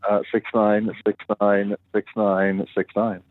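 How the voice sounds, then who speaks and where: A man's voice: on the low side, flat delivery, takes it slowly, no echo. A man on a phone call, heard over a phone line, trading crude jokes in a comedy call. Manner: crude, joking banter.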